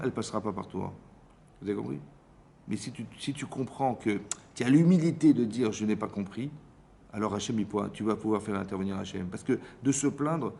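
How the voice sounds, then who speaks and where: A man's voice: on the low side, gravelly, slight background noise. A man giving a Torah lesson as a rabbi, acting out dialogues and often checking that his listeners understood. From France. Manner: lively, acts out dialogues, asks the audience if they understood. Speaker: rabbi teaching a class. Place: community hall class.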